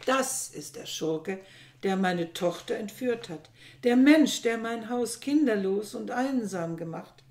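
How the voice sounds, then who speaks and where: A woman reading the part of a grieving old father who loudly accuses a young man, in impassioned outbursts. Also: medium pitch, animated, slow. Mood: furious. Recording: echoey room.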